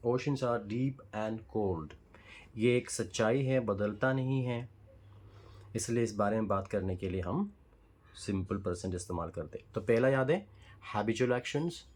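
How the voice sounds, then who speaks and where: On a rough recording, a lowish, expressive male voice with a darkish tone walks through English grammar using Hindi explanations. Example sentences come out one word at a time, with pauses and fillers, in a slow, deliberate pace. He stays patient and careful, explaining and checking the listener's understanding.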